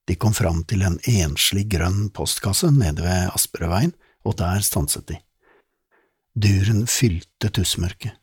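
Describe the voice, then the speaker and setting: A man narrating a children's audiobook in an expressive, suspenseful way. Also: low-pitched, breathy edge, dry recording, studio quality. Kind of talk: scripted narration.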